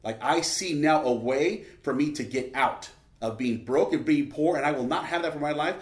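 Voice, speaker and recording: A man's voice: a little high, normal speed. A man giving a motivational speech built on a personal story, emphatic, and often tossing in "man". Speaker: motivational speaker. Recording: roomy echo.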